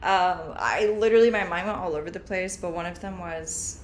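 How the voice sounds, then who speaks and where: A woman's voice: fairly low pitch, normal speed, a little hiss or hum. A young woman talking casually in a video journal, chatty and rambling, recorded on a laptop's built-in mic at home. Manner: chatty, rambling, self-aware. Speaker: vlogger.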